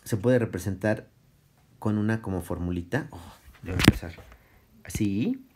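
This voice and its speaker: A man's voice: lowish voice, moderate pace, heavy background noise. A middle-aged man, giving a casual recorded math lesson, thinking aloud and correcting himself as he goes. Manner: casual, self-correcting, thinks aloud, chuckles at his slips. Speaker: math teacher. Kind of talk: recorded classroom lecture.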